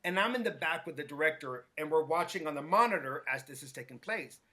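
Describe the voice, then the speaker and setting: A man, a hairstylist guest, telling a story in an animated way and acting out what others said. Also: on the high side, fast. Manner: acts out quotes with lively voices, many restarts.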